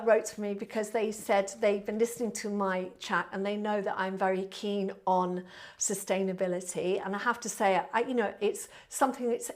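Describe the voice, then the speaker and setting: A woman with a southern English accent chatting casually to viewers as a Pilates instructor, in a warm, friendly, chatty manner. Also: mid-range voice. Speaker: Pilates instructor and online class host. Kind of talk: casual livestream chat to viewers. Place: indoor studio.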